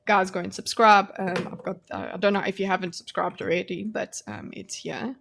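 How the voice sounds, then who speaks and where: A woman hosting a casual interview, talking in a chatty, excitable way and often tripping over her words. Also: mid-range voice, brisk, vocal fry, noisy background. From South Africa. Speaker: interview host.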